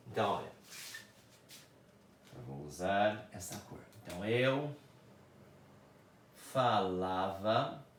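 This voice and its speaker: A man with a Brazilian Portuguese accent teaching a grammar lesson, slowly and deliberately drawing out each verb form as he writes it. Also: lowish voice, distant mic, slight background noise. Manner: slow and deliberate, stretching out each verb form while writing. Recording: echoey room, voice off-mic.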